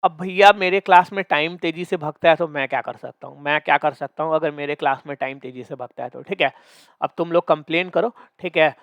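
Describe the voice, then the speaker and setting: A man's voice: on the high side, fairly quick, a bit bright, no room sound, lo-fi sound. A young man teaching an exam-prep physics lecture online, playful and coaxing, often checking whether his students follow. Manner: asks checking questions often.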